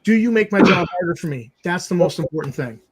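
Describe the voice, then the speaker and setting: Fifties man, co-host, high voice, rambling and wry. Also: animated, quick pace. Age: 50s. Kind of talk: casual chat.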